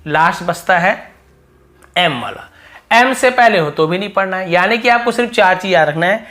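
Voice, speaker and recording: Male teacher with a Hindi accent, patient drilling delivery, repeats example words slowly. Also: high voice, animated, sharp tone. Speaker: English pronunciation teacher. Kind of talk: explaining silent-letter rules.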